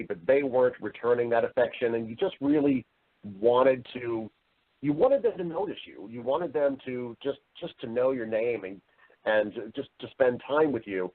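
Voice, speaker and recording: Over phone-quality sound, a medium-pitched man, a voice-over artist and actor, is interviewed as a guest. Casual and wry, he often backs up to rephrase his sentences and jokes at his own expense.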